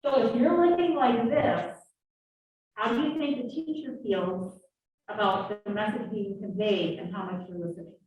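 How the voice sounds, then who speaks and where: A woman instructor leading a live leadership workshop, drawing answers from the audience in a classroom. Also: on the high side. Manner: lively, coaxing audience answers. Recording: echoey room, distant muffled mic.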